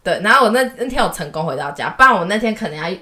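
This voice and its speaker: A woman's voice: mid-range voice, lively intonation, racing, sharp tone, reverberant. A woman from Taiwan with a Taiwanese Mandarin accent, telling her own stories animatedly as a podcast co-host, laughing often at herself. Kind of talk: casual chat, storytelling.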